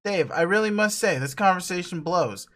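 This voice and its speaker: Male reader as a sardonic teen girl, measured and dry, slightly high voice. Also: lively intonation, a bit bright.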